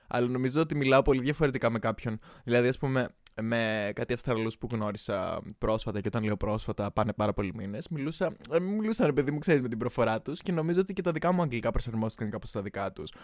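A young Greek man co-hosting a casual chat, animated and laughing, slipping playfully into other languages. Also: mid-range voice, dry recording, studio quality. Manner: animated, laughing, jumps into playful English and Spanish.

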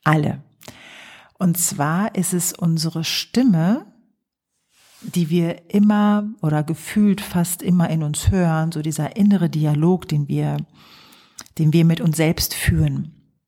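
Soft husky woman, gentle podcast talk. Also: low voice, takes it slowly. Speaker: podcast host, psychologist and coach. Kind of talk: calm reflective podcast monologue. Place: home, early morning.

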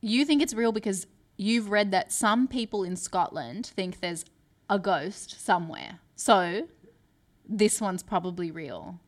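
A woman's voice: mid-range voice, unhurried. A woman co-hosts a casual podcast with a skeptical, teasing manner. She picks apart arguments and swears offhandedly. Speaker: podcast co-host.

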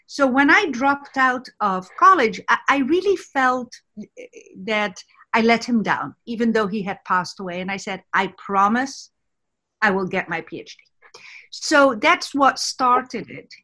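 A woman's voice: a little high, animated, measured pace, bright, forceful tone. A woman in her sixties from Egypt, a podcast guest recounting her life in a conversational, storytelling way. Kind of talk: podcast interview, personal story.

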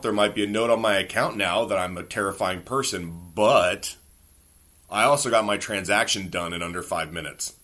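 A man's voice: mid-range voice, sharp tone. A man hosting a podcast, telling casual comedic stories about himself, swearing freely and poking fun at himself. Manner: frequent swearing, wry self-mocking. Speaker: podcast host.

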